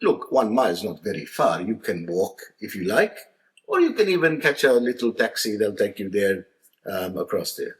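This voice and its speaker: A sly, hospitable older Maltese father, pitched higher and punchier than the teller's usual talk, as a man puts him on. He leans on his lines with teasing emphasis. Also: steady tone, fast, gravelly, hardly any pauses, fairly bright tone. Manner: teasing storyteller's put-on voice.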